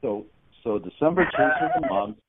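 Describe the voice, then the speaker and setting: A man's voice: lowish voice, wildly swooping pitch, fairly quick, background noise. A man co-hosting a podcast in casual chat, easygoing and rambling with plenty of fillers. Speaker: podcast co-host. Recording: tinny phone-line sound, dry.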